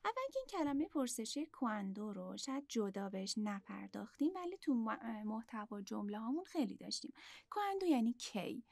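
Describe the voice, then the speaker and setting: A woman teaching a lesson in a higher voice that rises and falls a lot. Her tone has a gravelly, fried edge. The sound is dry and close, with no room echo, and she explains patiently, repeating words slowly. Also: a little mellow. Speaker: Italian language teacher. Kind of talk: online language lesson.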